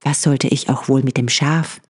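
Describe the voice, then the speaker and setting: A woman voicing a cheerful, endlessly approving farm wife in a storybook reading, with a husky voice and eager, praising talk. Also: rumbling low, steady tone, normal speed, a little mellow. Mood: delighted.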